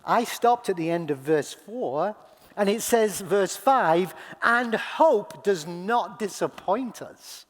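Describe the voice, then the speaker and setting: Male pastor, high voice, slow and deliberate sermon delivery, hushed lows to loud cries, long church reverb. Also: animated. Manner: dramatic swings from hushed to loud crying out.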